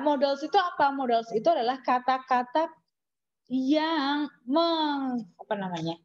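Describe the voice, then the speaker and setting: A woman with an Indonesian accent teaching an English lesson, chatty and teasing, asking questions and answering them herself. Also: high-pitched. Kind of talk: classroom lesson. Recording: dull lo-fi recording.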